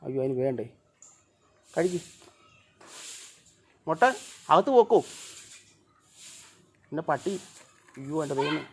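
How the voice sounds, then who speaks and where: A vlogger talking casually to dogs and cats while feeding them, coaxing, scolding and calling out loudly in homely colloquial speech. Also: mid-range voice, moderate pace, pauses often, slight background noise. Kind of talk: casual talk to animals.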